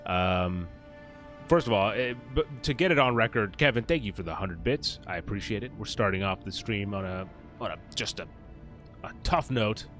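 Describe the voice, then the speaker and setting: A man's voice: lowish voice, animated, moderate pace, fairly bright tone, faint music behind. A man doing casual live commentary on a video game as a streamer, slangy and rambling.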